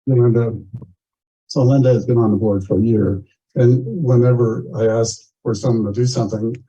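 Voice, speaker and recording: An American man with a warm, slightly rough mid-range voice chairs a community meeting, explaining things plainly and informally at a moderate, steady pace. The audio, shared over a video call, sounds muffled.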